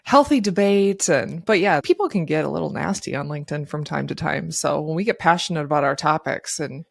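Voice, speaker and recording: A woman co-hosting a podcast, explaining her points conversationally with animated asides. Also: deep voice, fairly quick, vocal fry, dry recording. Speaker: podcast co-host, TV ad agency marketer.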